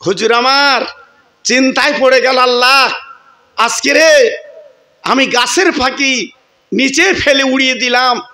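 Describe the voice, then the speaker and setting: A man's voice: very high voice, slow pace, pauses often, bright, forceful tone, heavily acted. A male preacher voicing a humble saint who pleads with God for forgiveness in a sermon story. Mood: bewildered. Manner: pleading, fervent prayer.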